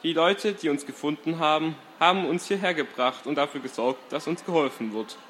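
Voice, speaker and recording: A cheerful young man, teasing his friend with easy warmth in a storybook tale, as a male narrator puts him on. The voice sits a little high, with a faint hiss behind it. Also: a little fast, close to an everyday voice.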